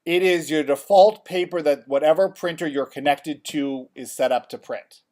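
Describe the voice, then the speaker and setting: Male instructor, a touch high-voiced, casual and talkative, walking a class through software. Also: moderate pace. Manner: chatty, checks in with "okay?" often. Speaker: college theater design instructor.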